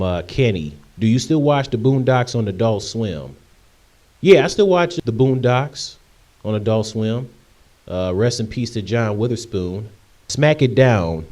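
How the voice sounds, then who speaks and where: This Michigan man in his twenties speaks at a medium pitch with a mellow quality. He's in his late twenties and answers viewer questions casually for a Q&A vlog, wandering off on tangents and often restarting or saying um.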